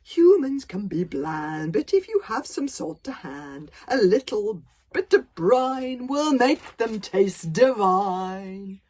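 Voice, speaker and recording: A woman voicing the Green Death, a grandly booming dragon. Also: sing-song, slightly rough. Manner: slow, grandly theatrical, cheerfully menacing. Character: huge sly philosophical male dragon.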